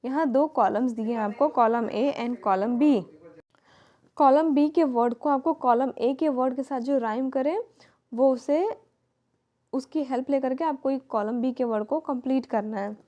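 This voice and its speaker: Slow, mellow-voiced woman teacher. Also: high voice. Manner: reads English lines slowly, spells words letter by letter. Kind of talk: explaining a textbook lesson to children.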